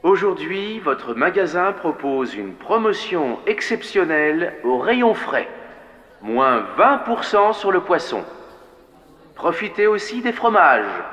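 A man's voice: fairly high pitch, sing-song, slow, a bit bright, in a large hall, highs cut off. A man making an urgent in-store promotional announcement.

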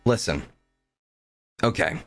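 A young man chatting casually on a livestream, rambling informally as he tells stories. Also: takes it slowly. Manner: rambling, informal storytelling with swearing. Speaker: game streamer. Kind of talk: casual livestream chat over gameplay. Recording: game music behind the voice. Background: game music.

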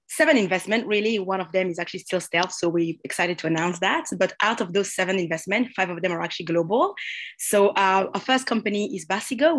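A woman's voice: mid-range voice, fairly bright tone, no room sound. A young woman from Cameroon and Madagascar presenting her venture fund on a video call, earnest, with frequent fillers and restarts. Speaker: venture associate.

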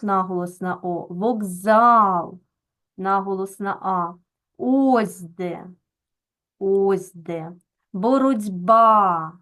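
A woman teacher, explaining a lesson to children slowly and deliberately and repeating each example word with stress. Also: medium pitch.

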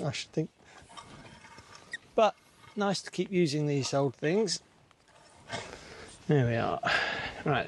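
With a darkish, somewhat high voice, the allotment vlogger talks casually and laughs to himself while digging and planting outside. A little hiss or hum is present, and the camera mic is sometimes distant from the camera.

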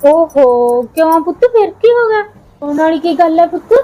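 A woman playing a caring mother who gently coaxes and consoles her daughter in an amateur short film, repeating endearments. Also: extremely high pitch, lively intonation, normal speed. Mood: soothing. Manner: soothing, coaxing, repeats endearments. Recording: dull lo-fi sound, faint music.

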